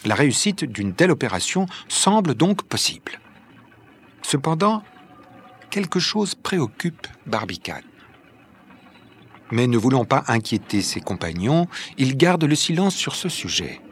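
A man narrating an adventure storybook in a measured, clear reading voice. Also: mid-range voice, sing-song, a little hiss or hum.

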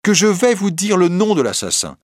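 A man voicing a bold, cheeky young male reporter who speaks up loudly and insistently in court. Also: high voice, sing-song, moderate pace, no echo, clean studio sound, pitched above the performer's own voice. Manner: brash, insistent, loud.

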